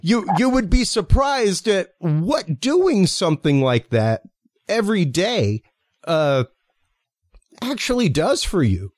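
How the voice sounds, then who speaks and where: Higher-voiced man hosting a podcast, dry sound. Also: big pitch swings, takes it slowly, no room sound. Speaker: podcast host. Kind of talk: live show hosting, sponsor reads and interview chat.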